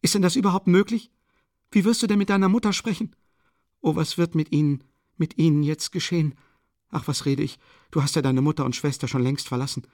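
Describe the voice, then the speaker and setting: A man's voice: fairly quick, no echo, studio quality, lightly acted. A man voicing a fervent, desperate young woman. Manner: high, loud, urgent, trembling. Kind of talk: audiobook reading.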